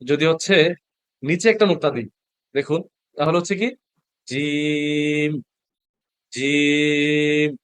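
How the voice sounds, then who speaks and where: A man's voice: high voice, no echo. A man teaching Quran reading in an online class, patiently sounding out each Arabic letter and repeating it for learners. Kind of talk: online class lecture over video call. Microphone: video call.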